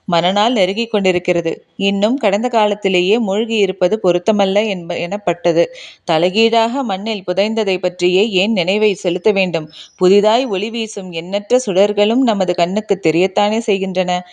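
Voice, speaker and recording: Soft but firm young companion, read by a woman, storybook. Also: medium pitch, steady tone, moderate pace, close to an everyday voice. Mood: quietly firm. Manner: soft-spoken yet firm.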